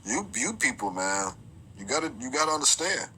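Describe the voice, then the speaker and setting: A man teaching scripture informally, reading verses aloud slowly and often stumbling and repeating his words. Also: medium pitch, sing-song, pushed and bright, slight background noise, poor audio.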